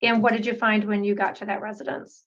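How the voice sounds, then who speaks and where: A woman's voice: medium pitch, flat delivery, quick pace, fairly bright tone, muffled recording. A woman prosecutor questioning a witness in court, direct and businesslike.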